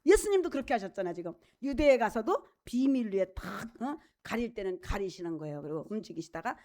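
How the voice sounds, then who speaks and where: A woman's voice: medium pitch, very animated, fast, a little mellow. A woman pastor preaching a sermon in a conversational, emphatic way, asking her listeners questions, repeating key phrases and acting out prayers. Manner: conversational, asks the congregation questions; acts out prayers and quoted speech.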